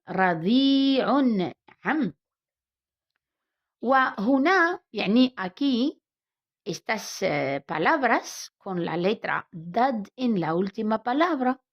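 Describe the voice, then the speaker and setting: A woman teacher with a Moroccan Arabic accent, slowly sounding out letters and words in a reading lesson and explaining in both Arabic and Spanish. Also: mid-range voice, breathy edge. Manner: slow, drawn-out syllable-by-syllable reading. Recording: dull lo-fi recording.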